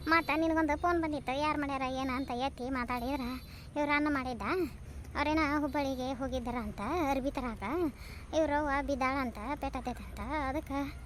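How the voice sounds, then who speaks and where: A woman's voice: sits high, slight background noise, close to an everyday voice. A woman voicing a chattering village mother-in-law. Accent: North Karnataka Kannada. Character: fussy older village mother-in-law, soothing and talkative. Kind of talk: cartoon voice acting.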